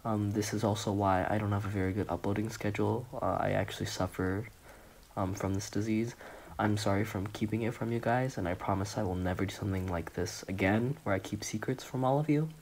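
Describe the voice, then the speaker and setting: A man's voice: fairly low pitch, fairly even intonation, fairly quick, darkish tone, slight background noise, low-quality recording. A young man making a mock-serious video announcement, speaking with fake earnestness and hesitant fillers. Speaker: YouTuber.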